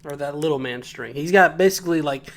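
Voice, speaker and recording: Higher-voiced man co-hosting a podcast. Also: fast talker, fairly bright tone. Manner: laughing, joking recap of notes. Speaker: podcast co-host. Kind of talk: casual episode recap chat.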